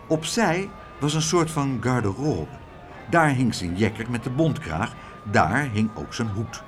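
A man reading a children's story aloud in a lively, expressive way. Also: mid-range voice. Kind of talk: storybook narration.

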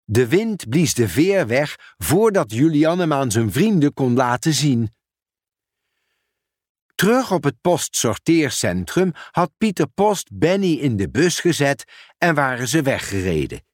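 A man reading a children's story aloud in an expressive, unhurried manner. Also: medium pitch, dry recording, clean studio sound. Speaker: narrator. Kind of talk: storybook read-aloud narration.

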